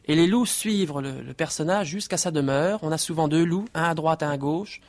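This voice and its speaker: A man's voice: fairly high pitch, moderate pace. A man explaining folk tradition he has collected, in an explanatory way with a few restarts. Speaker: folklore researcher. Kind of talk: spoken explanation.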